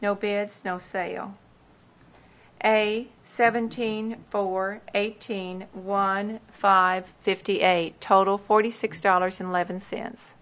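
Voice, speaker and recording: Woman auctioneer reading out lot numbers and bids, slow and procedural, digit by digit. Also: mid-range voice, little pitch movement, fairly bright tone. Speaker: auctioneer at a property tax sale.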